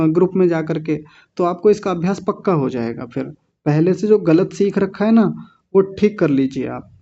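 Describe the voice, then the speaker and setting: A man's voice: high voice, mellow. A man teaching Sanskrit in an online class, sternly correcting his students and breaking words into syllables. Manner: stern, scolding students, drilling pronunciation syllable by syllable. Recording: dull lo-fi audio.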